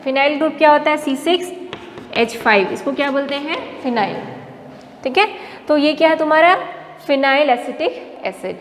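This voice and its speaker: A woman gives a chemistry lecture in class, explaining step by step and posing questions she answers herself. Her high-pitched voice is animated at a moderate pace, recorded with long reverb and faint background noise.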